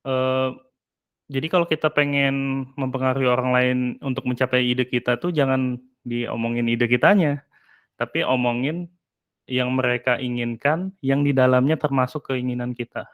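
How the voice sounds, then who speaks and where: A man giving a relaxed, chatty presentation to colleagues, with many fillers and brief asides to listeners. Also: medium pitch, normal speed, smooth, narrow, tinny audio.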